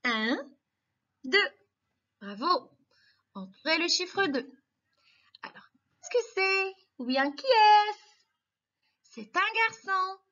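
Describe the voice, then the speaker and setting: A woman teacher giving slow, clear lessons to young children, patient and encouraging as she spells out each step. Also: very high-pitched, expressive, fairly bright tone, dull audio.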